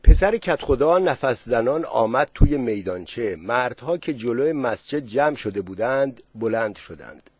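A man reading a story aloud with calm, even narration. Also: medium pitch, slightly rough, no room sound.

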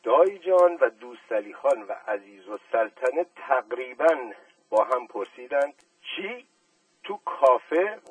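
A male audiobook reader narrating in a steady, plain manner. His voice is husky, and the dry recording has a slightly distant mic. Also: mid-range voice, dry recording. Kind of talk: storybook narration.

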